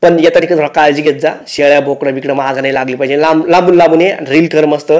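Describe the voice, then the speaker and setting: A man's voice: fairly high pitch, fairly even intonation, fast, darkish tone. A man hosting a comic roast, teasing and mocking the people in the clips he reacts to. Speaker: roast host.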